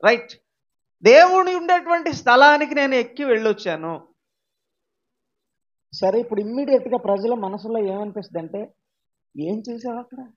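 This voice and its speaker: A man with a Telugu accent preaches a sermon, keeps asking the congregation questions and then pushes his points home with sudden emphasis. His voice sits very high for a man. The recording sounds dull and lo-fi. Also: moderate pace, pauses often. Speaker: pastor.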